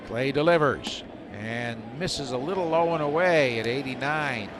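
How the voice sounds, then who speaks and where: A radio play-by-play man narrates a live baseball game at a measured pace with a medium-pitched voice. The noisy ballpark setting comes through with stadium ambience.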